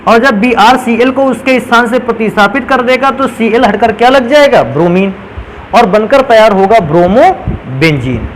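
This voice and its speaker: A male chemistry teacher lectures his class in an extremely high, lively voice at normal speed, calling students "beta" and answering the questions he poses himself. The low-quality recording carries a little hiss or hum.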